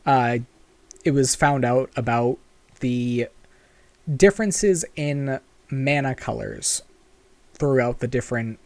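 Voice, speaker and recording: A man serving as game master, recapping the last session in a slow, unhurried way. His talk is full of fillers, halting restarts and small laughs. The sound is close and dry, with no room around it. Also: mid-range voice, no room sound.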